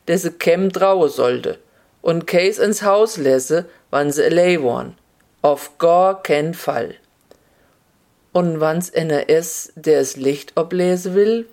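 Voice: mid-range voice, a little mellow. Storyteller in thick Upper Hessian dialect.

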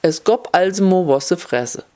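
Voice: medium pitch, expressive, normal speed, a little mellow, lightly acted. Aggrieved old donkey, read by a narrator.

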